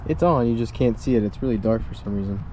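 Outdoors beside a saltwater creek, a young fishing vlogger narrates casually and chats upbeat with his viewers. He talks fast in a lowish, warm voice, with a little hiss or hum in the recording.

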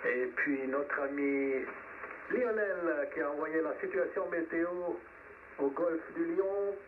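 Running a shortwave amateur radio net as its controller, this man speaks in brief, encouraging bursts with pauses between them. His fairly high voice sounds distant from the mic. The transmission comes through narrow and noisy, with static in the background.

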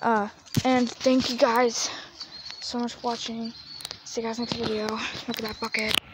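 In this casual walk-around vlog, a young woman strolls a farm yard, chatting and often dropping to a whisper. She has a voice on the high side with a flat delivery and moderate pace. Sound comes from a handheld phone camera and is noisy outdoors.

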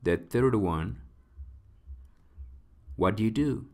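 A man with an Ethiopian accent teaching English phrases, whose first language is Amharic, saying each phrase slowly and repeating it. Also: lowish voice, expressive, warm tone. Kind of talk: slow, repeated lesson dictation.

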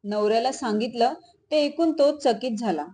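A woman telling a devotional folk tale in a steady reading voice that sits a little high. She often stops to restart words and correct herself as she goes. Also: normal speed. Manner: reads with frequent small restarts and self-corrections. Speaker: storyteller.

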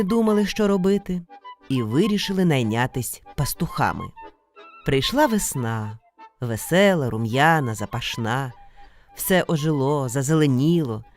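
A woman narrating a folk fairy tale in an animated, expressive voice that sits fairly low. Her pitch swings widely as she builds suspense, and the recording is dry and close. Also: dry recording. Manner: expressive, dramatic storytelling. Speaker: actress reading a folk tale. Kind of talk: storytelling narration.

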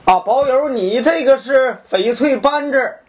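A young man plays a mock antique appraiser in a deadpan, expert-sounding way with drawn-out pauses. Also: extremely high pitch. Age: young adult. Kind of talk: mock appraisal comedy skit.

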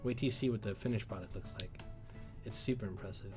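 A man hosting a casual livestream, reading viewer comments and chatting loosely, with sudden loud shouts of excitement. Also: on the low side, quick pace, over music. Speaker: livestream host. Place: PC workshop.

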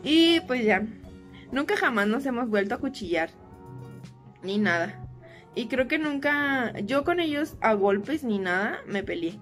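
A woman's voice: a little slow, faint music behind. Laughing young Mexican woman telling a story. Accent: Mexican Spanish. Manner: animated storyteller, acts out quotes in high squeals, laughs often. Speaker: vlogger. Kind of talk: storytime vlog.

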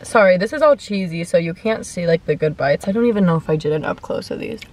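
A woman's voice: on the low side, expressive, fast talker, darkish tone. Chatty young woman vlogging a mukbang. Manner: chatty, heavy use of "like", talks between bites. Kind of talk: casual storytime while eating. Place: parked car in a parking lot.

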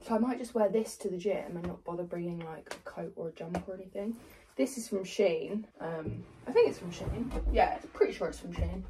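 A woman in her twenties from the United Kingdom, with a British accent and a mellow, lowish voice, chats briskly through a casual day-in-the-life vlog about her life as a personal trainer, rambling and self-deprecating. Slight background noise comes through the phone camera propped up at home and then at the gym.

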